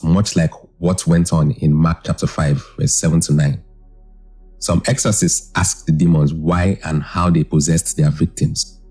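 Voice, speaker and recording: A man with an extremely deep voice gives an earnest, measured commentary. His tone is dark and husky, with faint music underneath. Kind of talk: scripted commentary narration.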